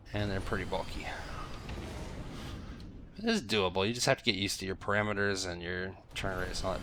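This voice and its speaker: A man's voice: fairly low pitch, bright, forceful tone, slight background noise. A man with a stuffed-up voice from a cold, casually thinking aloud as he comments on his gameplay. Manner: musing, thinking aloud while flying.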